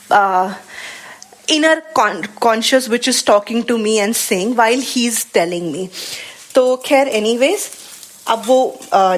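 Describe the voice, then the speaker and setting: Earnest woman telling a devotional story. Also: a little high. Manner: earnest storytelling, mixing in English phrases. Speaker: devotee sharing an experience. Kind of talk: personal testimony at a satsang.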